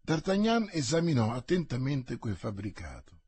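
A man narrating a classic adventure novel for an audiobook in a measured storytelling manner. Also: mid-range voice, very animated, a little mellow, husky, dry recording.

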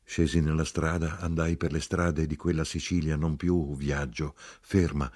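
A man reading a literary novel aloud in an expressive, measured storytelling manner. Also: very deep voice, breathy edge. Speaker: reader. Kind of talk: literary audiobook narration.

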